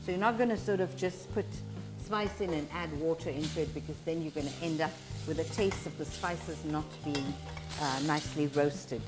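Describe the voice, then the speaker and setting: Low-voiced woman demonstrating cooking. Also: normal speed, music in the background. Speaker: cooking show presenter. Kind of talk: cooking demonstration, explaining steps.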